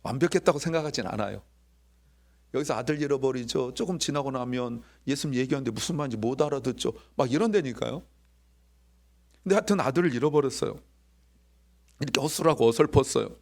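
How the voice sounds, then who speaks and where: Male pastor, mid-pitched voice, animated sermon delivery, acts out dialogue himself. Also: fast talker, pauses often. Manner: animated, acting out quoted dialogue.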